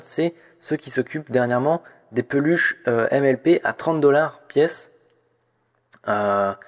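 A man hosting a weekly fandom news roundup, rambling along with frequent hesitations, restarts and playful mock drama. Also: mid-range voice.

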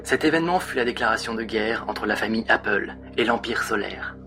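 A man narrating a dramatic fan story in an expressive, theatrical way. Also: fairly low pitch, brisk, soft background music.

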